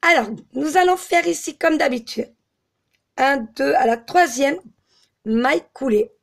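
A slightly hoarse woman giving a step-by-step crochet tutorial, patiently counting stitches aloud. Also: high-pitched, lively intonation, a little slow. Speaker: crochet teacher.

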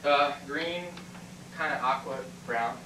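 In an amateur stage comedy performed in a classroom, a man plays a flustered, evasive 48-year-old dodging an army physical, stammering, hesitating and pleading with indignation. His voice is a little high and slow. A far camera mic gives a distant, echoey, faintly noisy VHS sound.

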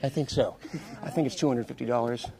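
A man hosting comic surprise award announcements indoors with a handheld mic, cheery and jokey, shouting cheers. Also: mid-range voice, fairly even intonation, fast, vocal fry. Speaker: award show host going office to office. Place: offices, library and meeting rooms indoors. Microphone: handheld microphone.

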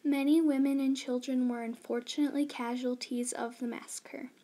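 A woman's voice: high-pitched, level tone, moderate pace, background noise, lightly acted. A woman voicing a young male immigrant miner, in an earnest first-person school history narration read plainly aloud.

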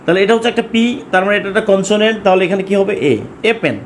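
A man's voice: sits high, quick pace, a little hiss or hum. A man with a Bangladeshi accent teaching an English grammar class, asking questions and repeating words as he drills students.

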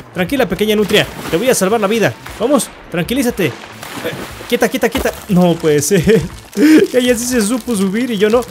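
High-voiced man, teasing game commentary. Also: fairly bright tone. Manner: teasing, mock-insulting, laughs and yelps often. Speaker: gaming youtuber. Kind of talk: playful gameplay commentary.

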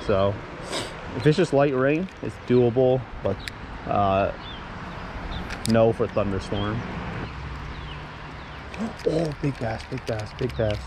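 Man, fishing vlogger on a camera outdoors, very lively pitch, excitable, faint background noise. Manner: excitable, exclaims at every catch. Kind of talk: casual outdoor commentary. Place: outdoors by the water. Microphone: action camera.

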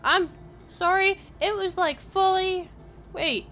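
A man's voice: very high-pitched, fairly even intonation, takes it slowly, sharp tone. A young man streaming a game, rambling and thinking aloud as he talks over the scenes. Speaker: gaming streamer. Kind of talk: let's play commentary. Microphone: headset.

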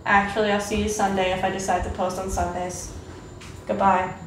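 A woman's voice: medium pitch, level tone, fairly quick, slight background noise. Chatty young woman in an echoey kitchen. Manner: chatty, self-deprecating, jokey. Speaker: art vlogger. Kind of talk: casual chat while painting. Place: home kitchen with a running dishwasher. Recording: echoey room, mic a bit far off.

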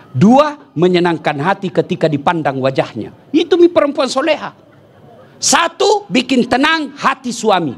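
A middle-aged male preacher with a Makassar accent, delivering a jokey sermon. His voice sits high for a man, and he often rises into lively shouts. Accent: Makassar Indonesian. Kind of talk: humorous sermon.

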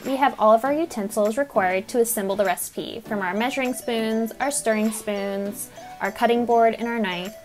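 A woman giving calm, clear instructions as a voice-over narrator. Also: on the high side.

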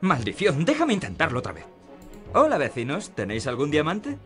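An actor playing a cheeky, bumbling young pirate hero in a video game, with a Castilian Spanish accent. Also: male voice, fairly high pitch, huge pitch swings, a little fast, soft background music. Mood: cheeky bluffing.

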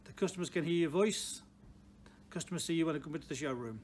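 Talking fast in a slightly high voice, a car dealer in his sixties offers unscripted, no-nonsense advice to camera, stressing points through repeated phrases. He hails from Stoke-on-Trent, England, and has a Potteries accent. Clear background noise of the large indoor showroom accompanies him.

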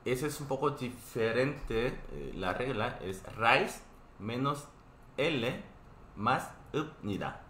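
A man's voice: medium pitch, lively intonation, slow, a bit bright, reverberant, a little hiss or hum. A man with a Korean accent teaching a live online Korean class, explaining patiently and checking in often with his students.

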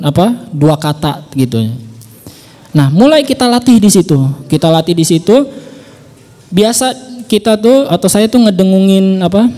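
A man with a high, mellow voice gives earnest parenting advice on a radio show. He repeats each point and speaks straight to his listeners. His voice carries a long, reverberant hall echo. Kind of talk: religious parenting advice talk. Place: radio studio.

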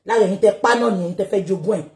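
A woman with a Nigerian accent giving a heated, mocking commentary rant, often shouting and laughing scornfully. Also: mid-range voice, rapid-fire. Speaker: social media commentator. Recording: roomy echo.

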